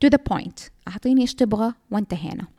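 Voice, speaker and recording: Young woman with a gravelly voice, dry close sound, frank casual advice talk. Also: medium pitch, fast, no echo. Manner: lively, frank, mixes English terms into speech. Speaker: graduate student giving advice.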